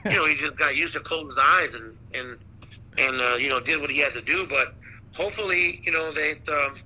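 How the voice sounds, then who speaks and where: Here the guest is a boxing ring announcer whose very bright, forceful voice sits a bit high. Speaking fairly quickly in a casual chat, he spins animated, slang-filled stories with the loose wording of shop talk, captured on a rough recording.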